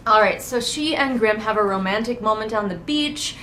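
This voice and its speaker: Hosting a readalong, a female book critic offers casual, sarcastic commentary peppered with exasperated, mocking asides. Her voice is on the high side and a bit bright, at a moderate pace. Background noise is noticeable, including an occasional train outside.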